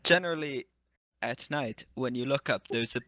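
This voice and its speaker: A man's voice: medium pitch, normal speed, sharp tone, close to an everyday voice. A man voicing a haughty, teasing adventurer with a put-on island accent in tabletop role-play. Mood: mocking.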